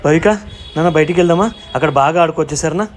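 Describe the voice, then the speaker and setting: A man's voice: fairly high pitch, fairly even intonation, very fast, background noise. A man playing a father in a homemade family skit, speaking tenderly and pleadingly to a child. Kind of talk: homemade family drama and vlog outro.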